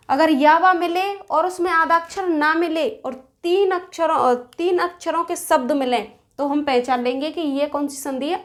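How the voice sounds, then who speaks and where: High-voiced woman teaching a patient lesson. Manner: patient, repeats and rephrases points. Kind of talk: explaining a grammar lesson.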